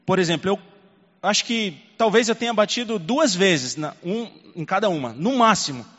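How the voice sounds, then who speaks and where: A male pastor preaching a sermon and telling a personal story, moving between hushed and loud passages. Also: high-pitched, lively intonation, normal speed. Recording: long reverb, dull lo-fi sound.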